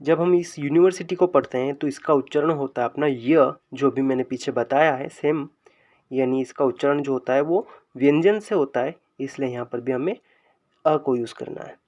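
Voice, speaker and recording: A man teaching English grammar in speech, explaining slowly and drawing out example sentences word by word. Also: mid-range voice, darkish tone, muffled recording. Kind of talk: explaining a lesson.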